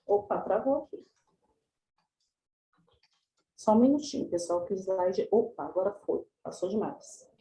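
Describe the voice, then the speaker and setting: A woman's voice: medium pitch, lively intonation, a little slow, pauses often, warm tone, reverberant, low-quality recording. A woman, giving an online class presentation over a video call in a chatty, explanatory way. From São Paulo, Brazil. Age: 30s.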